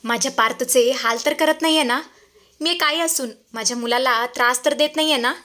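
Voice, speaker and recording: Casting: a woman playing a firm, proud mother-in-law, fairly high voice. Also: fairly quick, pushed and bright. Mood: worried. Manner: firm, then apologetic. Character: stern mother-in-law turned remorseful.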